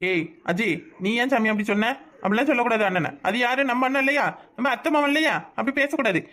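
A woman's voice: a little high, quick pace, a bit bright, lightly acted. A woman voicing a kindly old grandfather in a cartoon, fussing and making peace between squabbling boys. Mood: chiding. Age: older. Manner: fussing, peacemaking, rural Tamil speech. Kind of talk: cartoon voice acting.

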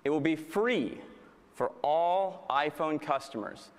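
A man with a slightly high voice presents a product keynote in an upbeat, polished manner. His headset mic carries into a large conference hall, where a long reverb trails his words. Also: expressive, slow pace.

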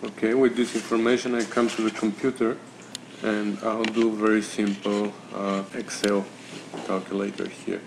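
A man narrates a workshop tutorial. He works through numbers methodically, with pauses and fillers. Faint ambient noise sits behind him in the garage. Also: fairly low pitch, little pitch movement, creaky. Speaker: home mechanic explaining engine measurements.

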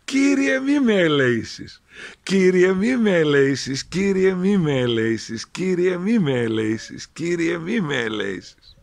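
Humble, illiterate old shepherd, naive and earnest, played by a man with a lively, gravelly voice that climbs high, music under it. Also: no echo, full character voice. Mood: fervent praying. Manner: pleading, naive, repetitive praying.

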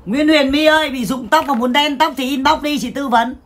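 A woman's voice: sits high, brisk, a little hiss or hum. A woman hosting a livestream sale who rants and scolds her viewers with a foul mouth. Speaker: livestream seller. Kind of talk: livestream sales talk.

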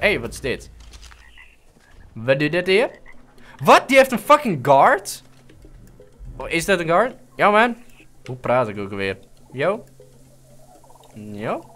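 A man's voice: on the high side, fairly bright tone. A young Dutch man with a Dutch accent giving joking, swear-filled game commentary and dropping into English and mock German. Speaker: gaming streamer. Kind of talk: casual gameplay commentary.

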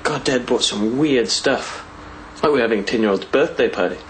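A man's voice: medium pitch, fairly quick, a little hiss or hum, close to an everyday voice, poor audio. An actor playing a wry, teasing young man next door in a TV soap, with a New Zealand accent. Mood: teasing, wary. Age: young adult. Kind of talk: naturalistic TV soap acting. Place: indoors, small flat.

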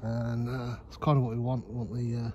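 The sound is lo-fi: a man in his thirties speaks fairly quickly with a flat delivery and medium pitch. He rambles through a casual allotment-garden vlog, making fun of himself and saying um often, into a close-held phone camera while outdoor noise plays behind.

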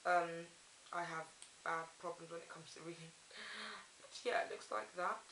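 A woman's voice: lowish voice, steady tone, normal speed, creaky, sharp tone. Young female vlogger, casual and rambling, self-correcting; echoey small room, faint hiss on camera mic. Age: young adult. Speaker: haul vlogger. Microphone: camera mic at arm's length. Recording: echoey bathroom, audible hiss.

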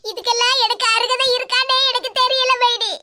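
A very high, squeaky cartoon voice of a tearful pregnant young wife with a Kanyakumari Tamil accent, as a woman acts her out. She sounds remorseful and plaintive. There is a noisy hiss under the dubbed audio. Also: little pitch movement, fairly quick. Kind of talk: animated cartoon comedy dialogue.

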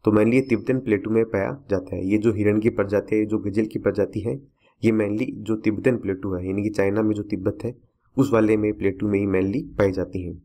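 A man's voice: on the low side, little pitch movement, a little fast, mellow. A man teaching a current affairs lesson for exam students, repeating key facts to remember.

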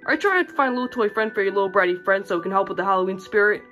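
A woman's voice: expressive, racing, a bit bright, soft background music, lightly acted. A woman voicing a pushy male announcer in a toy commercial, within a plush toy video. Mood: salesy. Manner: salesy sales pitch.

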